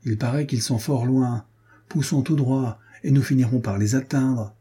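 A man's voice: mid-range voice, fairly even intonation, moderate pace, slightly rough. Man doing a boisterous, breathless cavalier. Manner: loud, hearty, teasing.

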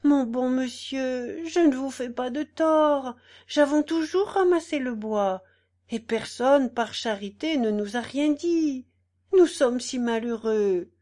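A woman voicing a poor old peasant woman who pleads and wails, in a high, slow storybook reading. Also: fairly even intonation, darkish tone. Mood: pleading. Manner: pleading, wailing.

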